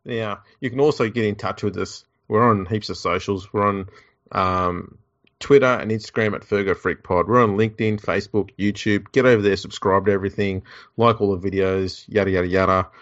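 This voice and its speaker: A man's voice: lowish voice, steady tone, a little fast, highs cut off. An Australian man co-hosting a podcast in casual chat, with a laconic, slangy drawl. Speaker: podcast co-host.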